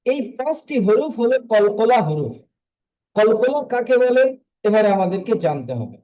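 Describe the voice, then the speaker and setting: A man leads a tajweed lesson over a phone or computer, taking his time and repeating every letter for his students. His voice sits high but sounds soft and mellow, and he talks in an unhurried, measured way. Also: rough recording. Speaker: Quran recitation teacher.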